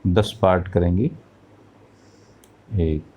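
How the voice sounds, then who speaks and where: A man's voice: low voice, extremely slow, dark tone, highs cut off. A man teaching a math lesson, explaining step by step, asking questions and answering them himself, and counting out parts aloud.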